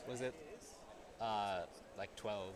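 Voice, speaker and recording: A man co-commentating a live competition, teasing his partner with quick banter. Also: fairly low pitch, steady tone. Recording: loud background noise at venue.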